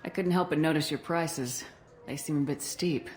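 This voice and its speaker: A woman's voice: sits low, moderate pace, a little mellow, natural voice. An actress playing a confident, blunt female space commander in a video game. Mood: assured. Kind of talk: video game character acting.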